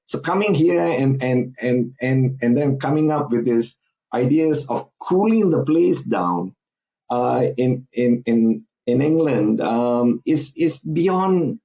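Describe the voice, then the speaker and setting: The recording has its highs cut off, carrying a man's mid-range voice that is expressive, gravelly, and dark in tone. He is from Singapore and comments as a podcast guest, halting and hesitant, with lots of "uh"s and restarts.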